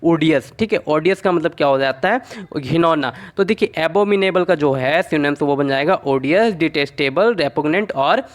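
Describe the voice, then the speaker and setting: A man's voice: fairly high pitch, moderate pace. A man teaching exam vocabulary in a casual way, telling little stories as memory tricks and often asking and answering his own questions. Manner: explains through short made-up stories. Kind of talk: casual mnemonic lesson.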